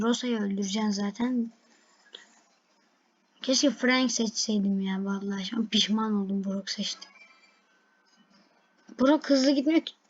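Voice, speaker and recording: High-voiced excitable woman streaming a game. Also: dull audio. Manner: excitable, frustrated, repeats herself while playing. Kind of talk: live gameplay commentary.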